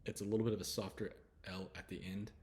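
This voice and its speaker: A man from the United States giving a relaxed English pronunciation lesson, repeating each sound slowly with chatty asides. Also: on the low side. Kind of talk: slide-based pronunciation lesson.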